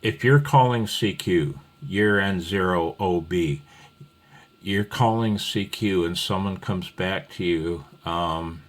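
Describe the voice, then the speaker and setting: Teaching Morse code as a hobbyist instructor, this amateur radio enthusiast rambles informally through his tutorial, thinking aloud in a folksy, apologetic way. He speaks slowly in a low-pitched voice.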